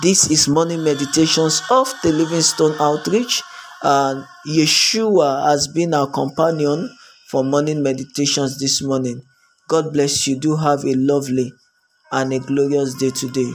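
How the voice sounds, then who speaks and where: Male preacher with a Nigerian accent, emphatic and repetitive, fairly high-pitched, over background music. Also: fairly even intonation, measured pace, poor audio. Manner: emphatic, repeats lines for stress. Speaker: preacher and host. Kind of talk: devotional sermon with blessings.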